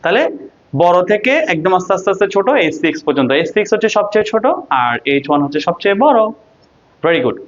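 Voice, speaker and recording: A man's voice: high voice, expressive, fast talker, dull audio. A male ICT teacher with a Bangladeshi Bengali accent, giving an online lecture and answering his own questions. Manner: asks questions and answers them himself, repeats "ঠিক আছে?".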